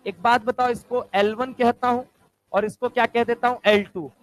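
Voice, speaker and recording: A male chemistry teacher lecturing a class, firing quick rhetorical questions and answering them himself. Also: extremely high pitch, steady tone, no room sound, poor audio. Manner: answers his own questions aloud.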